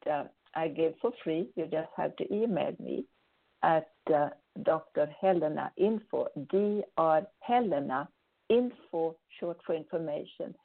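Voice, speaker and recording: Woman, host, earnest rambling advice, gravelly, phone-like sound. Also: fairly low pitch. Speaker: host answering listener questions. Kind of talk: spoken advice talk. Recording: tinny phone-like audio.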